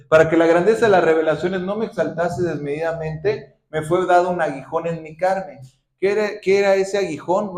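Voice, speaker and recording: A man preaching a Sunday sermon, his voice set a little high and ringing through a reverberant room. He keeps asking his listeners questions and acts out fervent, pleading prayers. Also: darkish tone. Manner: preaches with rhetorical questions and impassioned acted-out prayers. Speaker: pastor.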